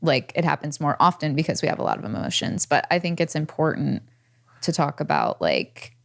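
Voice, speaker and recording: A woman co-hosting a podcast, chatting in a relaxed way and filling her sentences with "like". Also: low-pitched, a little fast, vocal fry. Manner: relaxed, full of "like" fillers. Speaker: podcast co-host. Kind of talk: casual podcast chat.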